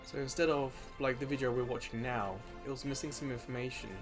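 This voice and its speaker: Talking quickly in a steady, medium-pitched voice, a man muses to himself while providing casual commentary for his gaming video series. Video game music plays in the background.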